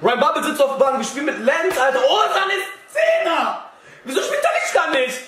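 A man shouting excitable, high-pitched football reaction. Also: fast, roomy sound, a little hiss or hum. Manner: excitable, cursing, often shouting at the screen. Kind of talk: live match reaction.

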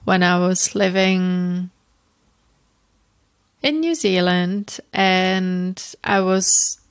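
A Czech woman in her thirties with a Czech accent, hosting a podcast and telling her personal story in a reflective, gentle way, often restarting and repeating phrases. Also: on the low side, extremely slow, clear, resonant tone, no room sound. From Czech Republic. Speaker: podcast host.

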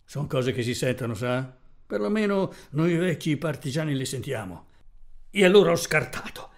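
A man voicing a tough, wry old partisan in a theatrical reading, telling his story with lively exclamations. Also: fairly high pitch, normal speed. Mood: recounting. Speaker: reader voicing a character.

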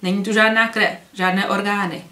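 Brief: woman reading a curious innkeeper, quiet and distracted, a bit of room echo. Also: mid-range voice, little pitch movement, lightly acted. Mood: musing. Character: calm, curious red-haired male innkeeper. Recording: roomy echo.

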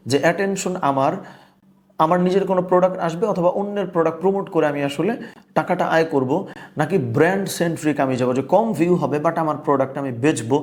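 A young man from Bangladesh coaches his viewers in a casual, conversational way. He talks quickly with a slightly raised pitch. He mixes English words freely into his speech. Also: a little mellow. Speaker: business and productivity coach. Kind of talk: casual advice talk to camera.

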